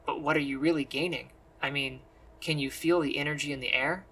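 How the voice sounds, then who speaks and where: A man's voice: fairly high pitch, steady tone, brisk, a bit bright, poor audio. A man voicing a curious young wielder of ether who asks probing questions in an audiobook.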